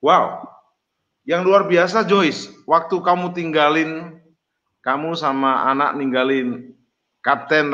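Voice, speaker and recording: A man's voice: on the high side, fairly bright tone. A man hosting an interview who asks brief, probing questions. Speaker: host. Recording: echoey room, dull sound.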